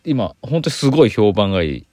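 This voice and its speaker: A man's voice: fairly low pitch, very animated, a little fast, dark tone, dry recording, soft background music. A middle-aged man hosting a casual solo podcast. He rambles with lots of fillers and corrects himself mid-sentence while recording inside a parked car in a garage. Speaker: podcast host.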